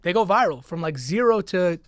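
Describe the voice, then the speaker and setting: A man's voice: sits high, animated, brisk, no echo. Chatty young man, dry studio sound. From Queens, New York. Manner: loose and chatty, lots of "like" and "you know". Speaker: podcast guest, content creator. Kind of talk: casual interview chat. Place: podcast studio.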